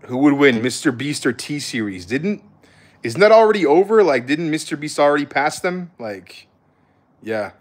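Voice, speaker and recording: An American man streams casually, fielding viewer questions in a blunt, slangy, conversational style. His voice is a little high and sing-song, at a moderate pace. He's a streamer and content creator doing relaxed livestream chat.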